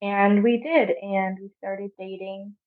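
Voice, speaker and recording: Young woman, 20s, from Arizona, soft halting storyteller, narrow phone-like audio. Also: mid-range voice, fairly even intonation. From Arizona, USA. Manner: soft, halting, with frequent pauses. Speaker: podcast guest. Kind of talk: personal storytelling.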